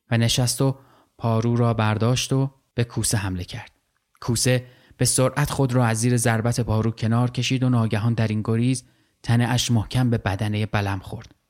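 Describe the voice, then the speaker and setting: A man reading fiction aloud as a storyteller, with measured, dramatic delivery. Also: mid-range voice, a little mellow.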